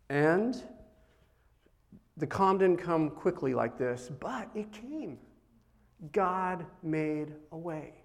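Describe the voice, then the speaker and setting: A middle-aged man giving a conversational sermon as a pastor, telling stories in a casual, animated way with big swings in loudness. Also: sits high.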